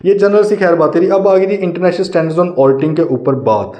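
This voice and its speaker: A man's voice: high-pitched, a little fast, dark tone. A man teaching an online audit lecture, explaining each point by rephrasing it and checking in with the class. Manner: explains by rephrasing and repeating points, asks "ठीक है". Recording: dull lo-fi sound in a roomy space.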